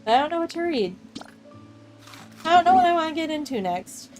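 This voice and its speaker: A young adult woman streams a game and chats casually with her viewers, jumping from thought to thought and laughing a lot. Her high, sing-song, slightly mellow voice moves a little fast over soft background music in a rough recording.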